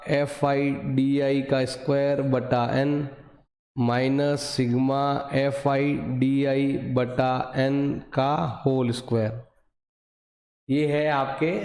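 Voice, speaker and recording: Speaking with a Hindi accent, this man teaches math one step at a time, raising his own questions and answering them. He has a mid-range voice with a darkish tone. The recording sounds echoey, with his voice wandering off the microphone.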